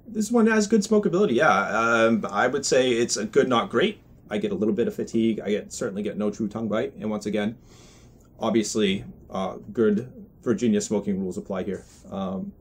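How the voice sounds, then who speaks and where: A man giving a casual product review as a pipe tobacco reviewer, talking in a halting, deliberate, thoughtful way. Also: lowish voice, breathy edge.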